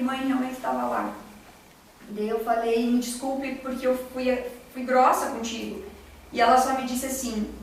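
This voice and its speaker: A woman gives a heartfelt spiritual lecture, mixing personal stories with direct appeals to her listeners. Her voice sits high, and it is caught from a distance in a strongly echoing hall. A faint hiss lies under the whole recording. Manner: earnest, personal storytelling, audience-addressing. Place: large echoey hall, recorded from afar.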